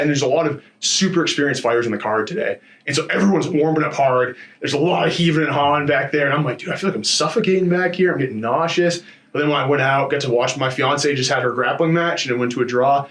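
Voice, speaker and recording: Casual, rambling male fighter in an interview. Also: mid-range voice. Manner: informal, rambling, animated storytelling with slangy asides. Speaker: MMA fighter being interviewed after a bout.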